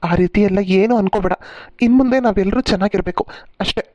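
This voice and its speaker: A woman's voice: mid-range voice, quick pace, dark tone, dry recording, close to an everyday voice. Woman voicing a scolding family member. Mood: reassuring. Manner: scolding, questioning. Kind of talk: cartoon serial voice acting.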